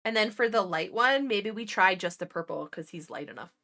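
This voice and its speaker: A woman's voice: medium pitch, lively intonation, fairly quick, pushed and bright, a little hiss or hum. A woman who used to be an ICU nurse, telling stories in a chatty, profane way while painting miniatures. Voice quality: chatty, profane, laughs often.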